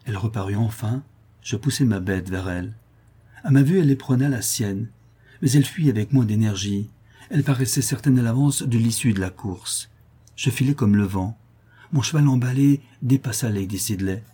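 A man narrating a literary novel as an audiobook in a measured, expressive reading. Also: mid-range voice, slightly rough.

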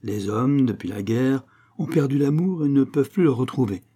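A man's voice: medium pitch, expressive, moderate pace, warm tone, close to an everyday voice. A man voicing a young male angel messenger who speaks eloquently and preaches. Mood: preachy. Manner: solemn, sermonizing delivery.

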